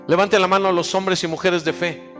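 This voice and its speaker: A man's voice: high voice, level tone, a little fast, fairly bright tone. A male pastor preaching a sermon, calling on the congregation to repeat phrases after him. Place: church hall. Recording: church hall reverb with faint music.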